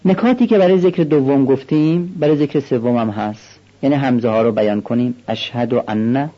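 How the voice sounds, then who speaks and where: A man teaching how to recite a prayer call, explaining calmly and slowing down to demonstrate the pronunciation. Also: medium pitch, muffled recording. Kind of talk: instructional explanation with recited examples.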